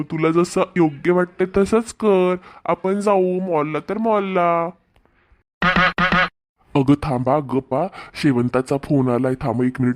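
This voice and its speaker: A man voicing a scheming, two-timing husband who placates his wife and flatters his girlfriend, with a Marathwada Marathi accent. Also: on the high side, natural voice. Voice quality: smooth-talking, placating.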